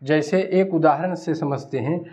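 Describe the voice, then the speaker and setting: A man's voice: fairly high pitch, a little slow, darkish tone. A man teaching a Hindi class at a board, who asks questions and then answers them himself. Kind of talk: blackboard lecture. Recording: dull lo-fi recording.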